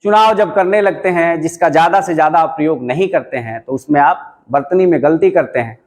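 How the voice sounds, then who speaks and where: A man's voice: on the high side, fairly quick, a little mellow. A man teaching a classroom lesson, explaining step by step and repeating points for emphasis, with a Bihari Hindi accent. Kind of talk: classroom lecture. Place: classroom with a writing board.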